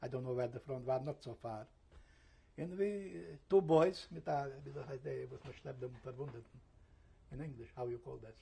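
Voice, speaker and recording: An elderly man gives oral history testimony in slow, halting, broken English. His voice is gravelly and very husky, dark in tone and pitched a bit above his peers. He stops to hunt for words and drops into German and Hebrew when English fails him. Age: 70s. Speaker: Holocaust survivor giving testimony.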